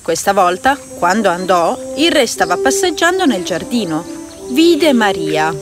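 A woman narrating a fairy tale in scripted storytelling style, clear and even. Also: mid-range voice, measured pace. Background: soft music.

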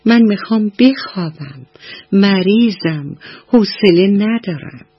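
A woman's voice: mid-range voice, lively intonation, breathy edge, dull audio, voice pushed up. A woman doing a trembling, grumpy old tree. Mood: weary pleading. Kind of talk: children's radio storytelling.

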